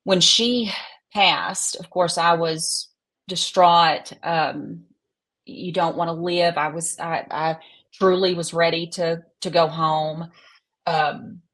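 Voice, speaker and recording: A middle-aged woman speaks in a fairly low voice. She is an interview guest telling personal stories, folksy and frank, often halting and putting herself down. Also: steady tone, fairly bright tone. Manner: folksy, candid, halting and self-deprecating. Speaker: interview guest, psychic medium and minister.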